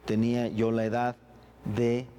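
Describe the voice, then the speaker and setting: A middle-aged man, a pastor, sharing his personal testimony in a sermon with earnest, reflective storytelling and halting, repeated words. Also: mid-range voice, completely flat delivery, dark tone, slight background noise.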